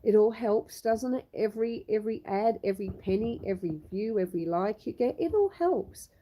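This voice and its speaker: Her medium-pitched voice is dark and expressive, moving at a normal speed. As a homestead livestream host, she talks casually outdoors with viewers by name, using a phone on a tripod. Traces of a long illness linger in her snuffles and cough.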